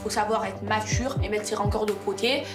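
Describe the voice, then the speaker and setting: A woman's voice: mid-range voice, steady tone, fairly quick. A woman contestant on a reality show, recounting things casually to camera. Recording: echoey, music behind speech. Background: background music.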